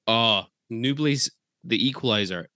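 A man hosting a casual football podcast, chatty and quick to swear, laughing between points. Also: medium pitch, bright, forceful tone, no room sound. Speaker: podcast host.

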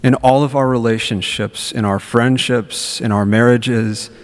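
A long cathedral echo trails a man's voice of medium pitch. He speaks as a priest in a church, moving between scripture reading and reflective, plain-worded preaching. The large space rings after his phrases. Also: steady tone, measured pace. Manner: reflective, informal, rhetorical questions. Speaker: priest giving a homily. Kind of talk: Gospel reading and conversational sermon.

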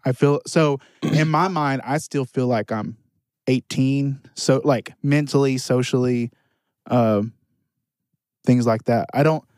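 A man's voice: mid-range voice, fairly even intonation, slow, a little mellow, dry recording, clean studio sound. A man in his twenties chatting casually on a podcast, reflective and hesitant with many fillers. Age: 20s. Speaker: podcast co-host. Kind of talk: casual chat.

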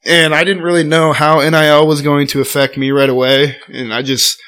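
A man's voice: on the high side, level tone, fairly quick, a bit bright, clear, resonant tone. Young man, podcast guest, casual storytelling, chatty and loose, garage studio. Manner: loose and chatty, full of "like" and "I mean". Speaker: podcast guest, college golfer.

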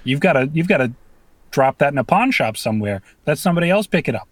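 A man's voice: fairly high pitch, sing-song, fast, no room sound. A man co-hosting a podcast, butting in with wry, teasing remarks in casual chat.

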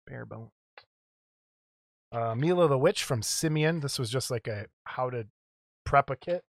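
A man's voice: mid-range voice, a little slow, gravelly. A middle-aged man co-hosting a casual show-and-tell about model kits, rambling and chuckling as he goes. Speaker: co-host of a model kit show.

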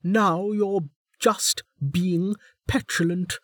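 Man doing ancient female warden, sardonic, raised pitch, slow mocking drawl, dry close audio. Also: steady tone, no room sound, full character voice. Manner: drawling, mocking, with slowed emphatic words. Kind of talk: audiobook character voice.

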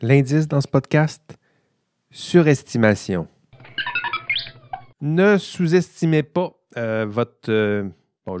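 A man's voice: fairly low pitch, darkish tone, no room sound, studio quality. A man, an ethics professor giving an informal recorded lecture, thinking aloud and speaking directly to his students.

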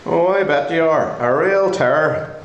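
A man's voice: fairly high pitch, measured pace, highs cut off. A man playing a sarcastic, indignant reluctant go-between in a stage farce. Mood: exasperated, indignant. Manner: indignant, sardonic. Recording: echoey stage, faint noise.

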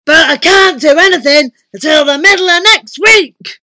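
A woman voicing a huge, jolly male giant wizard in a children's storybook, booming and exclaiming heartily. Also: normal speed, sharp tone, no room sound, studio quality. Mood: considering.

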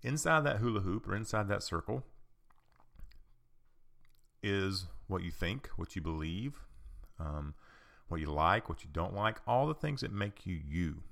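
A man giving an informal talk on personal boundaries, explaining patiently with rhetorical questions, frequent ums and an occasional cleared throat. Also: low-pitched, expressive, unhurried, fairly bright tone. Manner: clears his throat often.

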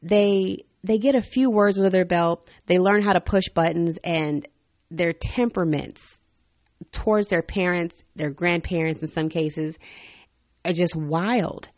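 A woman hosting her own podcast, telling candid and humorous stories about raising a toddler, animated and quick to laugh. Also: on the low side, no room sound. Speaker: podcast host. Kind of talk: personal storytelling monologue.

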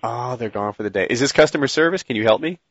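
A man chatting casually as the host of a live stream, with muffled low-fidelity audio. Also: animated, fast talker, no echo. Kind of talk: casual chat.

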